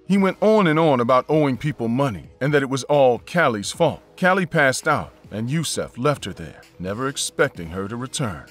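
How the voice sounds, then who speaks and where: A man giving a steady, scripted narration of a true-crime story. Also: mid-range voice. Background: faint background music.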